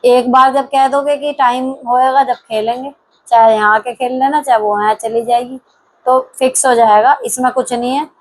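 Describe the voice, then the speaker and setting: A middle-aged woman with a voice a little on the high side, talking through viewer comments like a host. She gives advice in a frank, no-nonsense way, talking straight to the listener and slipping English words into her sentences. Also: fairly even intonation, normal speed, rough recording. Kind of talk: casual advice chat.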